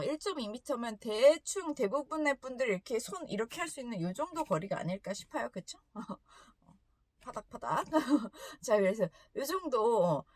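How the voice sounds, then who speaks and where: A woman hosting a casual English lesson, her pitch rising and falling freely as she tells a story. She laughs often between sentences, and the sound is close and dry with no room echo. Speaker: English teacher and host.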